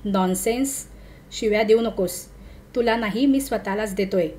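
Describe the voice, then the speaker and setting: A woman's voice: medium pitch, normal speed, a little mellow, a little hiss or hum, natural voice. A woman reading the lines of a young man, a struggling commercial artist, who answers curtly and grows irritated. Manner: protests and snaps in exasperation.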